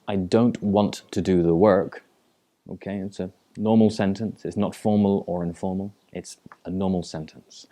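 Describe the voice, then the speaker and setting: A man teaching English from a textbook, calmly explaining and repeating words so learners can practice pronunciation. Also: sits low.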